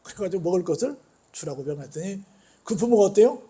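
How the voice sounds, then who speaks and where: High-voiced man preaching a sermon. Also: expressive, quick pace. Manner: call-and-response preaching, dramatic swings in loudness. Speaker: pastor.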